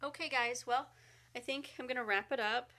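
A woman's voice: on the high side, moderate pace, pushed and bright. A woman hosting a casual live-stream chat, chatty and rambling with fillers, a bit congested and sniffly. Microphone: phone.

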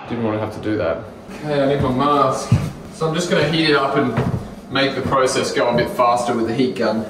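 A man's voice: mid-range voice, normal speed. A man in his thirties filming himself on a phone with a lapel mic while renovating an empty house, chatting and explaining his work with some frustration. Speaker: home renovation vlogger. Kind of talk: casual self-filmed vlog. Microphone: lapel mic, phone held at arm's length. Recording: echoey bare rooms with noise.

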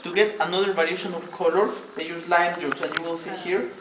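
This guide's voice sits high, his intonation fairly even and his speed normal, with a Mexican Spanish accent. He belongs to a weaving cooperative and explains a weaving demonstration to tourists in the workshop, each step first in Spanish and then in English. It's captured by a distant camera in a roomy space with background noise.

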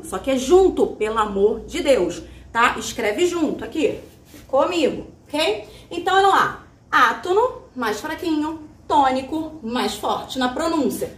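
A woman's voice: high-pitched, far from the mic. A Brazilian woman teacher giving a chatty, emphatic grammar lesson at a whiteboard, putting questions to herself and answering them. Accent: Brazilian Portuguese. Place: classroom with a whiteboard. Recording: roomy, mic set back.

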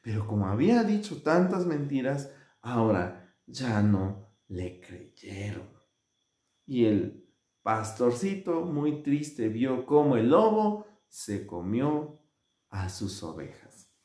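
A man telling a fable to children, animated and acting out the characters. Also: medium pitch, slow. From Mexico. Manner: animated, acts out characters with sudden shouts. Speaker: children's musician and storyteller. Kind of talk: children's storytelling. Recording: roomy echo.

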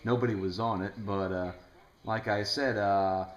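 An amateur radio operator making a video talks casually over the air from a room in his home, explaining things in a rambling manner. His voice is on the low side, with a steady tone and a moderate pace, and the room sounds echoey.

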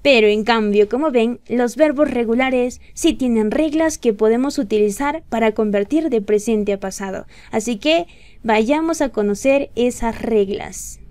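Slow, patient woman teaching grammar. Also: on the high side, darkish tone, no room sound. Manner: patient, step-by-step, checking questions. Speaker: English teacher. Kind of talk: explaining grammar to beginners.

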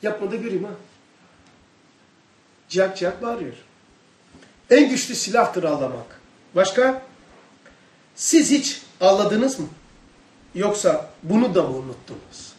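A man's voice: high-pitched, sing-song, measured pace, long pauses, darkish tone. A man giving a religious study lesson, asking his listeners questions as he goes. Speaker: religious teacher. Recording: echoey room, distant mic.

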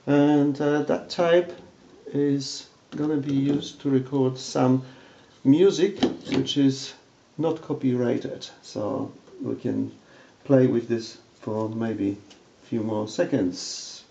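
At home beside a tape deck, a non-native English-speaking video presenter slowly and hesitantly demonstrates audio gear, groping for words in a steady, mid-range voice with vocal fry. The dull, lo-fi recording carries a noisy background.

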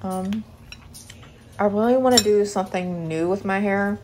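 A young woman cooks in her home kitchen and chats casually for her vlog, her medium-pitched voice at a measured pace. She rambles, dropping plenty of "like" and "um," and the home recording is noisy.

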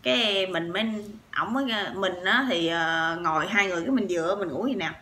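A woman with a Southern Vietnamese accent tells a long personal story to her channel. Her voice is bright and forward, and she talks in a chatty, animated way, piling up fillers and turning to her viewers again and again. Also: lowish voice, brisk, a little hiss or hum. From Sóc Trăng, southern Vietnam. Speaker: vlogger.

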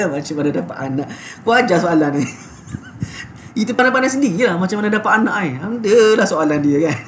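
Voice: mid-range voice, expressive, a little fast, a little hiss or hum. Malaysian Malay accent, online business coach, live coaching talk, chatty, fervent, laughs often, phone recording.

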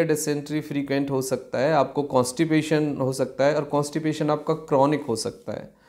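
A man in his forties, a physician, explaining health topics to camera from a small clinic office, unhurried, with many fillers and English medical terms. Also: medium pitch, darkish tone. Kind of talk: health education talk to camera.

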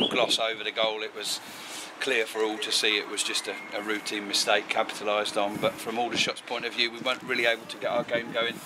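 A man interviewing a player after a match outdoors, chatty and asking leading questions. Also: medium pitch. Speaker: club media interviewer. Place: outdoors at a football ground at night. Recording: wind noise outdoors.

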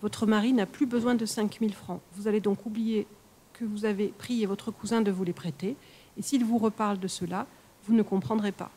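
A woman reading the part of a calm male doctor giving commands to a hypnotized patient, in a mellow voice. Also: medium pitch, normal speed, close to an everyday voice. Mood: commanding.

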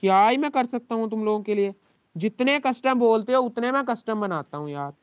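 A man with a Pakistani Urdu accent, a game streamer talking to his live chat in an exasperated, complaining way, his throat dry from shouting. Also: sits high, lively intonation, fairly quick, smooth, no echo. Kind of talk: live gaming stream talk.

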